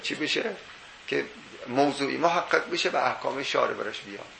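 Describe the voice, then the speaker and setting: A man's voice: medium pitch, vocal fry, sharp tone, roomy sound, slight background noise, rough recording. A man teaching Islamic jurisprudence in a seminary lecture. He explains step by step, quoting Arabic texts and posing rhetorical questions.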